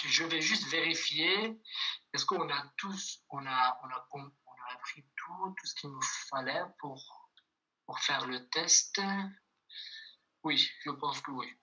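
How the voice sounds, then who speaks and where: A man's voice: medium pitch, bright, forceful tone, rough recording. A man teaching a language class online, patiently repeating each example and checking in with his students.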